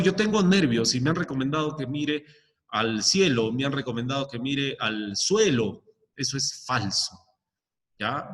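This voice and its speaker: The room sounds big around this male teacher, whose medium-pitched voice has a fairly bright tone. Recording a lesson, he breaks things down step by step and constantly checks with the class, asking rhetorical questions and throwing in "¿ya?"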